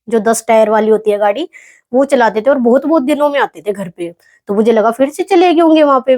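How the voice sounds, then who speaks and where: A young woman from Haryana, telling a personal story in an interview in a soft, reflective, halting way. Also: a little high. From Haryana, India. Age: young adult. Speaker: athlete guest.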